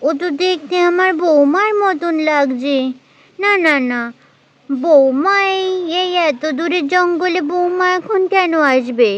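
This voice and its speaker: A woman's voice: very high voice, a little slow, muffled recording. A woman voicing an elderly village mother-in-law in a doll story, talking homely and chatty to herself. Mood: puzzled.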